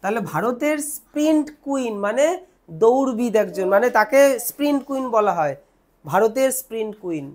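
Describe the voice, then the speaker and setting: Brief: young Bengali-accented woman, classroom teacher, high voice, asks and answers her own questions. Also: expressive, darkish tone. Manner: asks questions and answers them herself, repeats words slowly. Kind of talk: classroom lesson explanation.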